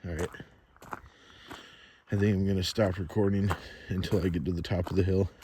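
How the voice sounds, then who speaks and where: A man's voice: low voice, level tone, fairly quick. A man rambling casually and cursing freely while he films a hike up a wooded hill trail. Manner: loose, profane, chatty. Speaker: vlogger. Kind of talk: casual rambling hiking vlog. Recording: clear outdoor background noise.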